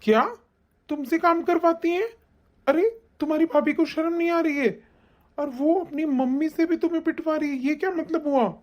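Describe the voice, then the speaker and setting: A woman voicing a caring young elder brother in an animated family story, concerned and questioning. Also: mid-range voice, normal speed, lightly acted. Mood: angry. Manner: concerned, questioning, raises voice when upset.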